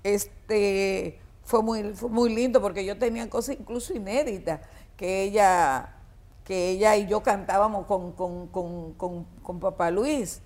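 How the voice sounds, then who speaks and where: Older Dominican woman reminiscing haltingly. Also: mid-range voice, a little mellow. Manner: halting, with many fillers, restarts and laughs. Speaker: guest singer. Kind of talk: reminiscing interview talk.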